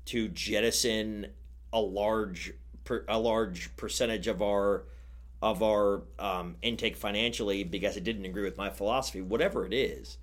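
A man in his thirties with a lowish voice speaks at normal speed in a steady tone. A business owner appearing as a guest on a podcast, he rambles through casual conversation with many restarts and fillers.

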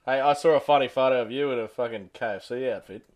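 A man's voice: mid-range voice, fast, a crowd in the background. A man with an Australian accent in casual, blokey banter with mates, using slang and swearing freely. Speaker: podcast co-host.

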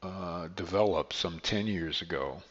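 Deep-voiced man in an echoey room. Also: a little slow, a bit bright. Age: middle-aged or older. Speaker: podcast host, beekeeper. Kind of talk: casual podcast monologue. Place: echoey makeshift indoor studio. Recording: echoey hall-like studio, dull sound.

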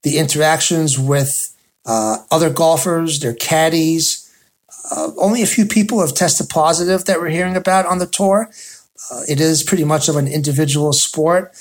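Halting male sports radio host. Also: a little high. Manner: halting, hesitant delivery with frequent pauses. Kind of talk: loosely scripted sports talk commentary.

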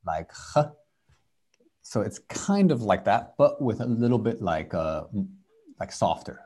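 A man's voice: fairly low pitch, expressive, unhurried, a little mellow, husky. A man teaching a live French group lesson over a video call, switching between French and English and drilling repetition.

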